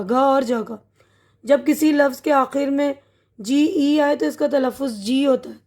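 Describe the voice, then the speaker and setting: A woman with a high voice and a Pakistani Urdu accent gives a pronunciation lesson. She speaks slowly, reading word lists one item at a time. Each word is followed by its meaning in a patient teaching manner. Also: a little mellow. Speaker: English teacher. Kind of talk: slow classroom-style lesson explaining pronunciation.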